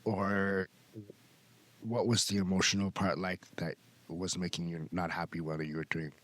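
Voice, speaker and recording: An American podcast host from the United States asks probing follow-up interview questions and restates his guest's points. His deep, slightly bright voice moves little in pitch at a moderate pace, with no room sound.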